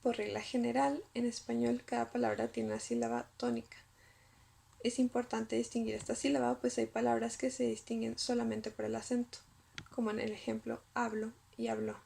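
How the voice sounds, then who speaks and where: A woman whose first language is Spanish, reading a scripted lesson and sounding out syllables slowly. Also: fairly high pitch, gravelly, mellow, slightly rough. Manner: reads carefully, spells out syllables slowly. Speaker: student presenter.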